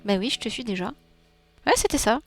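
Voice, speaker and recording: Drawing live on stream, a woman talks casually with her audience, musing aloud and adding playful sound effects. She speaks briskly in a fairly high voice, with faint music behind her.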